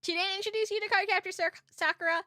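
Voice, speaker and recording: Casting: woman, thirties, cute anime streamer sound, high-pitched and bright, casual rambling self-teasing chat. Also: steady tone, quick pace, dry recording, studio quality. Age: 30s.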